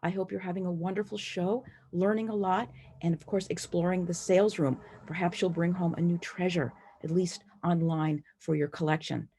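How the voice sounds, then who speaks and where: A woman's voice: on the low side, fairly even intonation, normal speed, mellow, a little hiss or hum. A woman from the United States giving a friendly, enthusiastic presentation over slides from home. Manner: friendly, enthusiastic, lightly playful. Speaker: collector presenting a talk.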